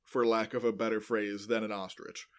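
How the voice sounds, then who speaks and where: A man with a lowish, smooth voice and a level tone explains paleontology as a co-host on a casual educational podcast. His talk is loose and rambling, heavy with ums, uhs, and likes, and he keeps correcting himself.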